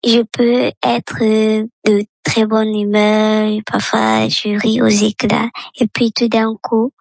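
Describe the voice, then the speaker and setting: Woman, voice changer disguise, recorded message, dry close sound, monotone. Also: a little high, slow pace, vocal fry, dry recording. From Cameroon. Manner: candid, explaining her feelings openly. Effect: voice changer disguising her voice. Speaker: listener calling in.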